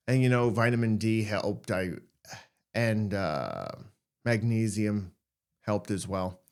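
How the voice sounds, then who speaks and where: A man's voice: on the low side, lively intonation, slow pace, clean tone. A man hosting a podcast, talking casually and candidly about anxiety, joking and acting out his own worried thoughts. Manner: candid, jokey, acts out anxious thoughts. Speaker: podcast host. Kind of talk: casual self-help monologue.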